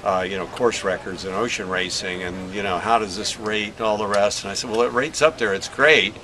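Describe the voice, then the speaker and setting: A man's voice: lowish voice, a little fast, bright, forceful tone. A middle-aged man and sailing father chatting in a casual outdoor interview, telling stories with plenty of fillers. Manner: chatty storytelling with many fillers. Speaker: sailor and father of a young racer. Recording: noisy outdoor recording.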